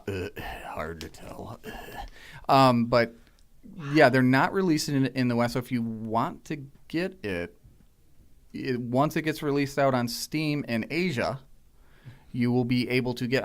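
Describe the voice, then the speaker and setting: A man chats as co-host of a gaming podcast. His pitch is ordinary and his delivery relaxed and offhand, with lines that drop quietly at the end. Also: normal speed. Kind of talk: casual gaming podcast chat.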